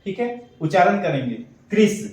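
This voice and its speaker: A man's voice: high-pitched, lively intonation, normal speed, darkish tone, very echoey, far from the mic, rough recording. A man teaching an online shorthand class, explaining step by step and checking in often. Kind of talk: online lesson.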